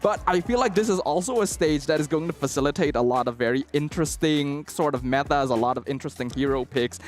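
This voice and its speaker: Playful man, higher voice. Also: fast talker, faint music behind. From Malaysia. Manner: playful, self-deprecating, laughs often. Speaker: esports analyst. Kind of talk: esports desk banter and analysis.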